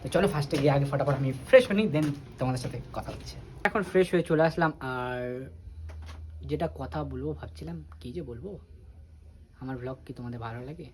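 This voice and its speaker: A young man chatting casually to his viewers in a daily vlog, talking quickly and calling them guys. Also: medium pitch, a little mellow, a little hiss or hum. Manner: rapid chatty talk, addresses viewers as guys. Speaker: daily vlogger.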